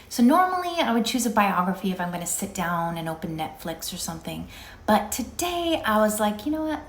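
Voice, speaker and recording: A woman in her fifties chatting in a casual, rambling, reflective way, recorded in an echoing indoor stairwell. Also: medium pitch. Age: 50s. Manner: rambling, musing, conversational. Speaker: vlogger. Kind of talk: casual, reflective solo vlog chat.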